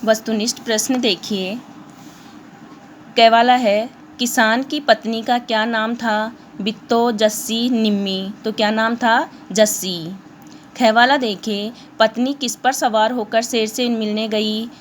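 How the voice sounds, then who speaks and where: A woman teacher giving an online lesson to young pupils, explaining slowly and mixing in English words. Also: fairly high pitch, steady tone, a little hiss or hum.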